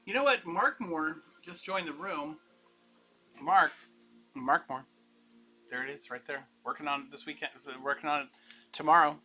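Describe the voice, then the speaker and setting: A man's voice: a little high, moderate pace, pauses often, pushed and bright, soft background music, poor audio. A man running a casual live-stream comic auction, chatty and upbeat, rambling and laughing as he talks.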